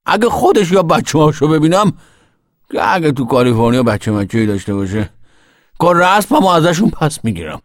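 A man's voice: fairly high pitch, big pitch swings, dry recording, studio quality. An actor playing a cantankerous, foul-mouthed, mischievous old grandfather in a radio drama. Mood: boastful. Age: older. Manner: grumbling, foul-mouthed, boastful.

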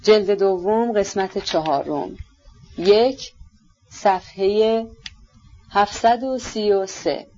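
An audiobook narrator giving a steady, measured literary reading of a novel. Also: mid-range voice. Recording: slightly dull lo-fi recording.

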